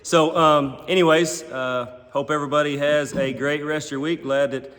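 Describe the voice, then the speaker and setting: A man hosting a casual chat in a halting, folksy way, echoing inside a barn. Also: on the high side, fairly even intonation, a bit bright. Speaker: host.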